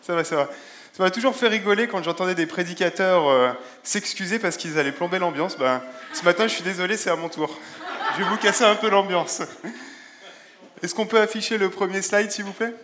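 A man preaching a sermon in a relaxed, conversational way, with self-deprecating humor and Bible verses read aloud. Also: high-pitched, brisk. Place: church.

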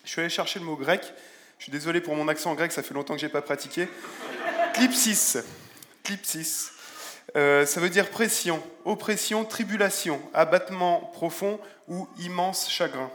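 A man preaching a sermon in a relaxed, conversational way, with self-deprecating humor and Bible verses read aloud. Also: on the high side, fairly quick. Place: church.

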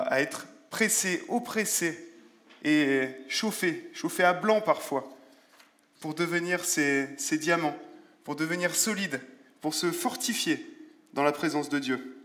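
A man preaching a sermon in a relaxed, conversational way, with self-deprecating humor and Bible verses read aloud. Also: fairly high pitch, a little slow. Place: church.

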